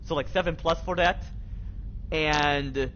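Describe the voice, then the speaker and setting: A young American live streamer from Michigan chats casually over a game, rambling, repeating himself, and using plenty of slang. His fairly high voice is steady, slow, and a bit bright, captured on a dull lo-fi mic with faint noise.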